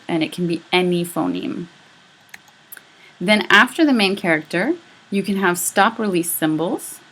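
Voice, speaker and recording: A woman's voice: lowish voice, fairly bright tone. A woman teaching a recorded lecture, explaining step by step and saying sample sounds aloud to show them. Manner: patient, explanatory, demonstrates speech sounds aloud. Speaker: instructor.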